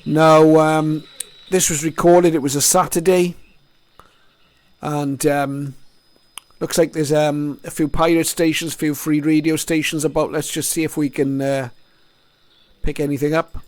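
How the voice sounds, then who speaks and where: A man with a fairly high, level voice speaks a little slowly in a dry recording, offering casual, unscripted remarks as he tunes a radio and thinks aloud. He's a radio hobbyist host doing screen-recorded tuning commentary, with music and signals from the receiver playing behind him.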